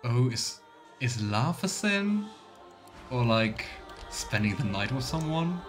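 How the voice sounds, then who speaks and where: A man with a medium-pitched, sing-song voice talks slowly while streaming a game. He rambles casually through Let's Play commentary, musing aloud, with faint game music behind him.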